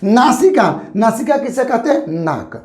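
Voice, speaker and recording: A man's voice: extremely high pitch, sing-song, unhurried. Male tutor, exam-prep lecture, repetitive question-and-answer delivery, echoey room. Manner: explains by repeating and asking questions he answers himself. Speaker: teacher. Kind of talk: exam-prep grammar lesson. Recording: roomy echo.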